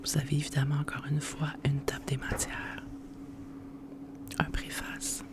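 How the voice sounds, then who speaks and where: Casting: ASMR host, Quebec French accent, soft library whisper throughout, informal and unhurried book presentation. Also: medium pitch, completely flat delivery. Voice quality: hushed, unvoiced library whisper.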